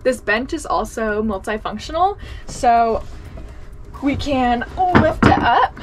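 Animated yet unhurried, the young woman leads an upbeat, giggly camper van tour in a high-leaning voice, talking to a handheld camera that goes from close-up to walking around. Loud music plays over this casual vlog.

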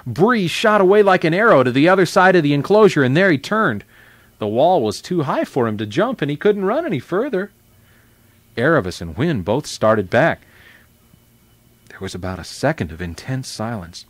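A man hosting a children's radio show, reading a novel aloud in an expressive, lively storytelling manner. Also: fairly high pitch, moderate pace, no room sound.

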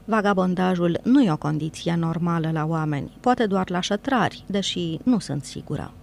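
A woman voicing a gentle, earnest young woman speaking softly. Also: lowish voice, lively intonation, creaky, a little hiss or hum.

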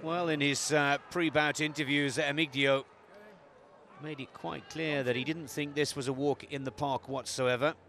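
A man giving measured live boxing commentary in short, halting phrases. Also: fairly high pitch, steady tone, a bit bright, a little hiss or hum.

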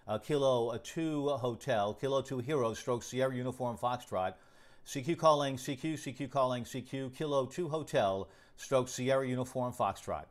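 Man making ham radio CQ calls. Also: medium pitch. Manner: repetitive, measured on-air calling. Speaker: amateur radio operator. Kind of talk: ham radio CQ calling in phonetic alphabet.

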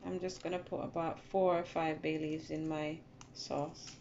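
A woman's voice: sits low, level tone, measured pace, gravelly, mellow. A woman hosting a casual home cooking tutorial in her kitchen, chatty and repeating her steps to viewers she calls guys. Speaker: cooking channel host. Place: home kitchen at a gas stove. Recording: dull lo-fi phone audio with background noise.

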